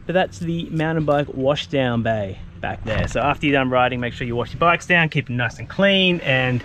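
A man in his thirties with an Australian accent, giving a relaxed, friendly walk-through on a travel vlog, filmed outdoors on a handheld camera. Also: mid-range voice, moderate pace, slight background noise. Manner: laid-back and friendly, with slang. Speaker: travel vlogger. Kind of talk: casual travel vlog chat. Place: outdoors beside a camper van. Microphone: handheld action camera. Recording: background music throughout.

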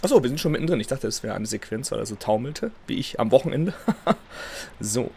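A man in his thirties who has a cold talks casually in a slightly nasal, mid-range voice with lively intonation, a little fast, as he plays a game and reads its letters aloud from his home gaming room. As a let's play host, his commentary sits over clear game music, with slight background noise.

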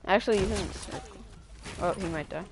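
A woman chatting casually with friends while playing a game, making quick excited callouts. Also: mid-range voice, background noise. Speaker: gamer. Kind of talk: casual gaming chat.

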